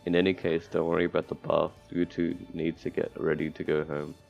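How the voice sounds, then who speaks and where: Game music plays under a dull lo-fi recording of a man reading visual novel text for a let's play. His deep voice is flat, a little fast, slightly mellow and touched with vocal fry, and he stumbles and drifts into offhand remarks.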